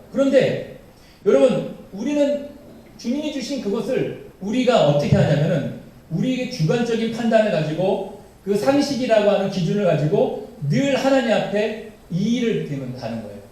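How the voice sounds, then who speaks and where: A man's voice: sits high, big pitch swings, moderate pace, dark tone. A male pastor preaching a sermon, animatedly addressing his congregation. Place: church sanctuary. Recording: very echoey church hall, voice from far off.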